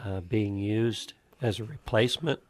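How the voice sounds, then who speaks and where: A man's voice: lowish voice, unhurried, dry recording. A man co-hosting a radio show, stuffy from a cold, joking dryly and hesitating with fillers. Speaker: radio co-host. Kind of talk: casual radio chat.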